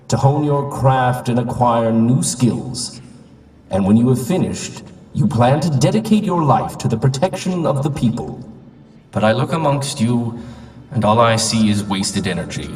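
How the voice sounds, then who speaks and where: Man playing solemn cartoon headmaster, very slow, aloof, formal speech, distant reverberant hall. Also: medium pitch, a little mellow, close to an everyday voice. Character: grave, detached academy headmaster. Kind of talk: formal speech in animated series. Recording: echoing hall from a distance, music.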